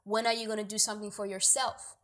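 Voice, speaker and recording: A young woman, from the Dominican Republic and raised in New York, talks as a guest in a relaxed interview. Her delivery is lively and playful, full of jokes and laughter, at a middling pitch. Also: fast talker. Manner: lively, joking, laughs often. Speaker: guest, actor and producer. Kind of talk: casual interview chat.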